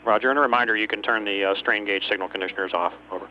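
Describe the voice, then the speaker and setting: A low-voiced man speaks rapid-fire with fairly even intonation, working as a capsule communicator at ground control. He makes procedural radio calls to a spacecraft, hesitating slightly between phrases. The dull channel carries faint noise and hum.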